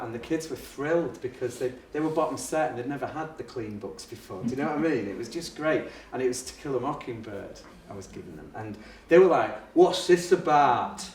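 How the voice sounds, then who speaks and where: A middle-aged man, telling lively, self-mocking teaching stories to a live audience. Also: medium pitch, a little hiss or hum. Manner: lively, self-mocking, acts out the voices in his story. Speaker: teacher and education speaker. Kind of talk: anecdotal storytelling to a live audience. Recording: echoey room, voice picked up from a distance.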